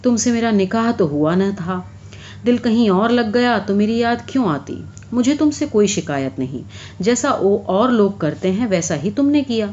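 A woman's voice: medium pitch, animated, a little mellow, dull audio, slight background noise, lightly acted. A woman reading aloud, voicing a hurt young woman who speaks bitterly and reproachfully to a former lover.

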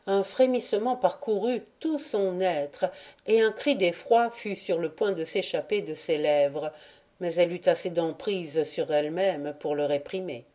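Woman reading a classic tale, mellow and low. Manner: measured storytelling, voicing characters lightly. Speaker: audiobook reader. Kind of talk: scripted narration of a classic tale.

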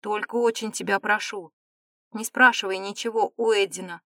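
A woman voicing a reserved young male viscount in an audiobook, with calm, restrained delivery. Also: medium pitch, moderate pace, no room sound, clean studio sound, lightly acted. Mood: guarded. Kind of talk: audiobook character reading.

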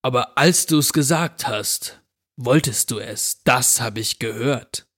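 A drawling, menacing stranger, put on by a male reader in a horror story reading. He talks very slowly and mockingly, like someone savoring every threat. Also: mid-range voice, a bit bright. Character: sinister drawling man, dirty, menacing wish-granter.

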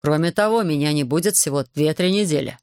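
A woman voicing a calm, patronizing plantation master. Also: sits low, fast talker, dry recording, clean studio sound. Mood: unruffled. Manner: unruffled, smooth, patronizing. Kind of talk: audiobook reading.

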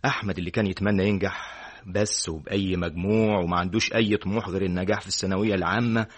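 An actor with an Egyptian accent playing a self-assured, earnest young student who talks emphatically, in a classic radio drama. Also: male voice, low voice, fairly even intonation, racing, husky. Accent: Egyptian Arabic. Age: young adult. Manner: emphatic, repeated denials. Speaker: student friend.

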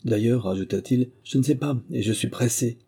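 A man voicing a bustling, hurried male innkeeper in an audiobook reading, speaking in a chatty, rushed way. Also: medium pitch, warm tone, breathy edge. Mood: excited.

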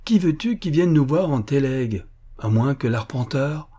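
A man's voice: mid-range voice, expressive, moderate pace, mellow, husky, voice pushed up. A man voicing a fussy, doting old widow. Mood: fussy, overjoyed. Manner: fussy, affectionate exclamations. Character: elderly Russian country widow, doting mother.

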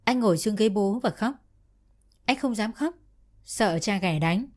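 A woman narrating a dramatic story in an expressive storytelling voice. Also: mid-range voice, a little slow.

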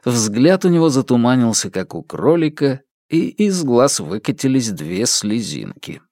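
A man reading a novel aloud in steady, measured narration. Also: medium pitch, no room sound, studio quality. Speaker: audiobook narrator. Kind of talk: scripted narration.

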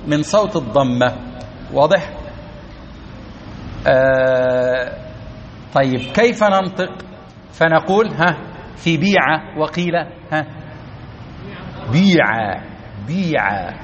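A man's voice: on the high side, a little hiss or hum. Man teaching a grammar class. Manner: explains step by step, repeats key words, keeps checking the class understands. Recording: dull lo-fi recording.

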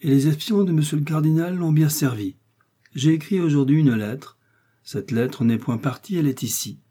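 A man's voice: a little high, normal speed, dark tone, slightly rough, pitched above the performer's own voice. A man reading the part of a proud, defiant queen with a haughty manner. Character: proud indignant queen, woman, imperious.

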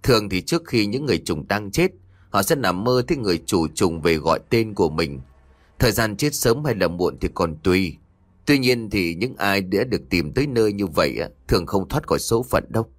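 A man playing a stern older uncle who speaks low, slow and grave. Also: sing-song, no echo.

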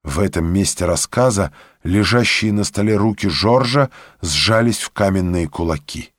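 A man reading an audiobook in an expressive storytelling way. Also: sits low, normal speed, no echo, studio quality. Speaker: narrator. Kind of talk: audiobook narration.

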